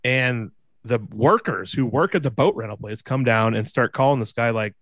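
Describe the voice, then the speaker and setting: A young man co-hosting a casual chat, telling a story in an animated way and jumping high in pitch when he quotes people. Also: moderate pace, dry recording. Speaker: podcast co-host.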